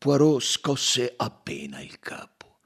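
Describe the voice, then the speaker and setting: A man narrating a novel in a dramatic, measured storytelling voice. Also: medium pitch, very animated, creaky, breathy edge. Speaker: audiobook reader. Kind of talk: expressive literary narration.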